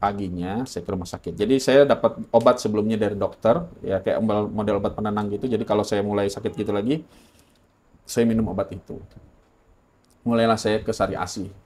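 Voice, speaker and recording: A man's voice: fairly low pitch, fairly even intonation, fairly quick, a little mellow, slight background noise. A man from Indonesia telling his personal story in an interview, earnest and correcting himself often.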